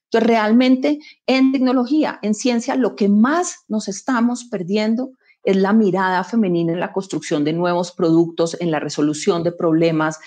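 A woman's voice: mid-range voice, darkish tone. A woman, an executive guest speaking emphatically in a conversational interview, making her points with anecdotes and rhetorical questions.

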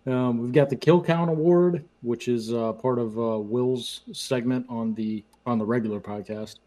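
A man's voice: medium pitch, normal speed, mellow. A man co-hosting a podcast in casual, conversational talk. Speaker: podcast co-host. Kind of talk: casual chat.

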